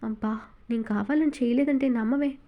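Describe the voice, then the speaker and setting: A woman's voice: fairly high pitch, fairly even intonation, a little fast, narrow, tinny audio, close to an everyday voice. A woman voicing a naive, timid young woman in a romance audiobook, innocent and pleading.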